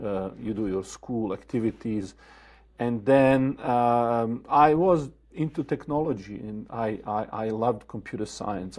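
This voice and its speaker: Speaking on the low side with a slightly mellow sound, a Bosnian man responds to interview questions. As a guest he is thoughtful yet halting, often restarting and leaning on fillers.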